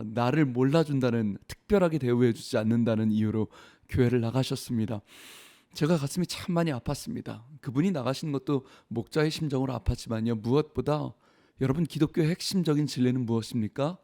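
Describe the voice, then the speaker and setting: A man's voice: medium pitch, a little fast, creaky, dark tone. A middle-aged man, a pastor, giving a radio sermon column, preaching with rising fervent emphasis.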